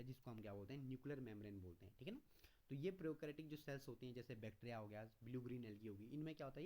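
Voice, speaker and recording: A male teacher giving a classroom lecture in a question-and-answer style, calling students "beta" and reading English notes out slowly between his explanations. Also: medium pitch, darkish tone. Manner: asks questions and answers them himself, calls students beta; mixes Hindi explanation with read-out English notes, slower on English.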